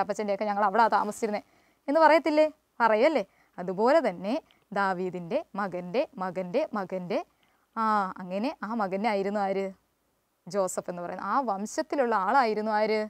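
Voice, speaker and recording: A woman's voice: a little high, dry recording. A woman from Kerala teaching children the catechism, coaxing answers with repeated questions and replying to them herself. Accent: Kerala Malayalam. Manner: coaxing, asks and answers her own questions.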